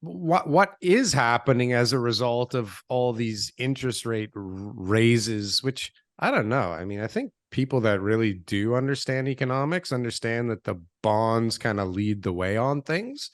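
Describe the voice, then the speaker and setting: A man co-hosting a casual podcast at a middle pitch, blunt and wisecracking with a bit of mild swearing. The sound is dry and close to the mic. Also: moderate pace, hardly any pauses, dry recording. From Canada. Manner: blunt, joking, mildly profane. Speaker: podcast co-host. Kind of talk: casual chat. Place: podcast studio.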